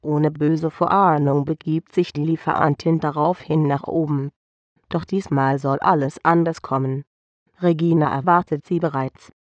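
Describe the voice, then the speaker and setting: A man's voice: fairly high pitch, steady tone, moderate pace, no echo, highs cut off. A man narrating a whimsical science-fiction audiobook in a playful storytelling manner. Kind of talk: scripted sci-fi story narration.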